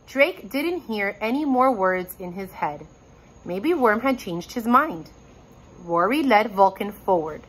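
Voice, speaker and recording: A woman's voice: mid-range voice, animated, slow, fairly bright tone, breathy edge, low-quality recording. A woman teacher reading a chapter book aloud to children, addressing them directly and expressively. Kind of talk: storybook read-aloud.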